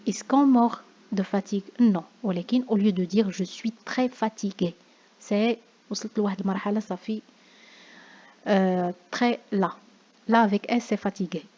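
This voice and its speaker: A woman's voice: medium pitch, normal speed, warm tone. A woman teacher with a Moroccan accent explaining a lesson, often checking with "d'accord?". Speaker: French teacher. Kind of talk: classroom lesson on figures of speech. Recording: dull lo-fi sound.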